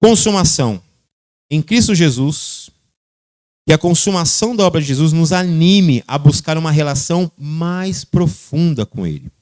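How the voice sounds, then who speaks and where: A man, a pastor preaching a sermon and calling on church members by name, shifting between loud and quiet. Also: a little high, expressive, moderate pace, no room sound. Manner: addresses congregation members by name.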